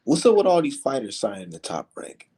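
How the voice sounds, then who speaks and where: An American man from Minnesota and Texas chats casually about sports in profane, slangy street talk, sounding like a sports show host. His medium-pitched voice is warm with a breathy edge, swings hugely in pitch, and runs a little fast.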